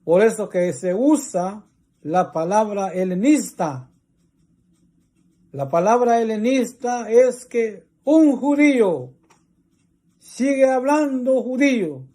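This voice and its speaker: A man with a Mexican Spanish accent, preaching a religious teaching in slow, deliberate, repetitive phrases. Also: high-pitched, lively intonation, dark tone.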